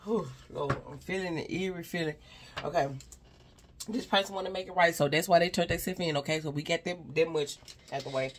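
With a medium-pitched voice and a brisk pace, a spiritual advisor delivers a loose, rambling reading to viewers. She speaks directly to someone unseen, sighs between thoughts, and keeps saying "you know what I'm saying."

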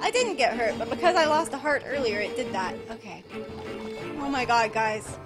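A young woman with a high voice talks through a live gameplay stream, rambling and exasperated, breaking into shouts. Her voice sounds worn from screaming, and game music plays clearly behind her. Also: animated, moderate pace.

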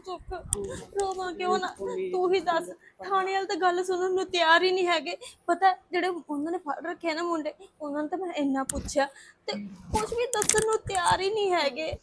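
A woman's voice: very high-pitched, steady tone, fairly quick, slight background noise. An actress playing a worried young woman who pleads tearfully for justice. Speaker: distressed young wife seeking justice. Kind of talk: Punjabi web-series acting.

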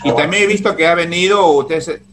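Over loud music, a man with a highish voice speaks a little fast while running a casual online interview on a video call. He's chatty and full of fillers like "pues" and "este."

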